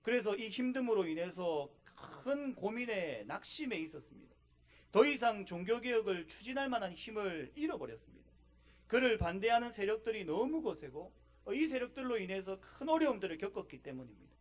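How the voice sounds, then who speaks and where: A man's voice: high-pitched, very animated, fairly quick. A male pastor preaching a sermon, asking his congregation rhetorical questions and stressing key lines with emphasis.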